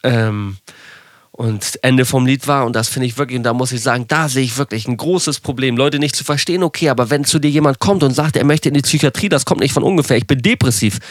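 A man's voice: mid-range voice, quick pace, dry recording. Young man, podcast host, rambling self-correcting storytelling, dry close mic. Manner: rambling, self-correcting, candid with wry asides.

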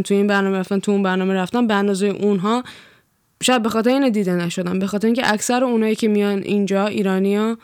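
A young Iranian vlogger speaks her mind in a blunt, profane, animated rant during casual chat. Her medium-pitched voice is smooth and clear, recorded dry and close with no room sound.

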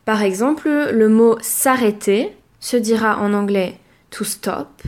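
A woman teaching a language lesson, speaking clearly and measuredly, and slowing down to model words. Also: fairly high pitch, darkish tone. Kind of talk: explaining a lesson.

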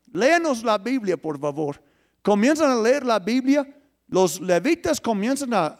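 High-voiced man preaching lively. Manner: lively preaching with rhetorical questions, swings between loud emphasis and soft asides. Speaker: pastor. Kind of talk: sermon.

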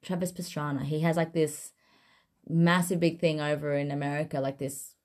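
A woman's voice: low voice, fairly even intonation, normal speed, a little mellow. A woman co-hosting a casual, joking chat. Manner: informal, joking. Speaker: podcast co-host.

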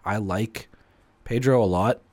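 A young man co-hosting a podcast, excitable and swearing in casual chat. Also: lowish voice, unhurried. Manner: excitable, swears, restarts often. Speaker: podcast co-host.

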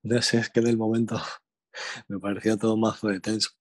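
A young man from Spain with a Spanish accent, telling a slangy, animated anecdote in casual chat. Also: on the low side, fairly quick, slightly rough, no room sound. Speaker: storyteller.

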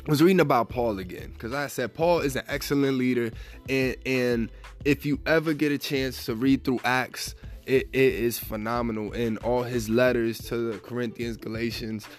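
A man hosting a faith podcast, upbeat and casual, often saying "man" and "y'all", with a stuffy, slightly raspy voice. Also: medium pitch, normal speed, faint music behind. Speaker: podcast host.

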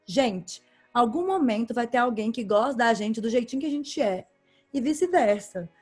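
A woman's voice: a little high, lively intonation, moderate pace, darkish tone, slightly rough, soft background music. A woman talking frankly and emphatically in a casual group chat.

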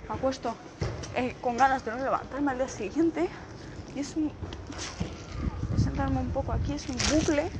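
Tearful young Spanish woman, halting. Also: high voice, fairly even intonation, noisy background. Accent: Spain Spanish. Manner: halting, repeats and restarts her phrases. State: close to tears. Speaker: vlogger. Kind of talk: personal confessional monologue. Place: outdoors, people passing by.

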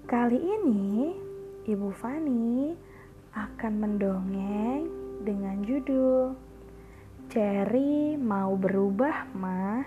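A woman storyteller reading a bedtime tale to children, slow and gentle, her voice slightly high. Her lines sometimes fall to a soft whisper, with music playing underneath. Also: expressive, narrow, tinny audio.

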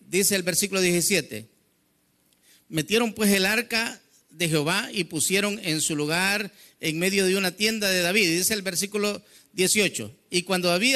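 A man's voice: high voice, sharp tone. A man preaching a sermon. He reads scripture, calls listeners "brother" and acts out the quarrel in quoted lines.

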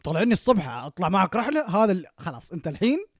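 A young man speaking in a casual podcast chat. His voice sits a little high, and he talks at a very fast, animated clip. The sound is dry and close, with almost no room echo. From Oman. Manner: animated, rapid, checks in with "okay?" often. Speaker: podcast co-host.

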